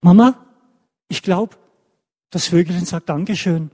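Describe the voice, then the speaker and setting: A man's voice: fairly high pitch, normal speed, in a large hall, lightly acted. A man voicing an eager, kind-hearted little boy in a told children's story. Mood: excited. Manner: excited, pleading.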